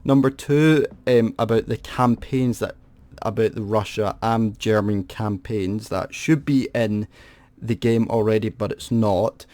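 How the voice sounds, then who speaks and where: A UK man hosts a gaming video, talking off the cuff and sounding aggrieved at feeling ripped off. He rambles, restarting and correcting himself a lot. His voice is lowish and a little mellow, with fairly even intonation, a measured pace and no echo.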